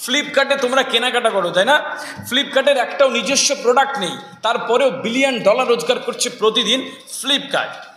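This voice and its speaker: A man giving a lively motivational speech to students, asking rhetorical questions and mixing in English phrases. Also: very high-pitched, moderate pace. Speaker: motivational speaker. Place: stage in a hall. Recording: echoey hall with faint ambience.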